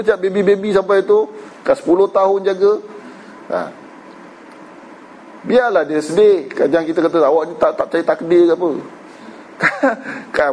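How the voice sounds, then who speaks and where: A man's voice: high voice, a little mellow, a little hiss or hum, rough recording. A Malaysian man giving an informal religious lecture, conversational, mixing in English words and asking "kan?" often. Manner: conversational, mixes English words, frequent "kan?" tag questions. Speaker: religious teacher.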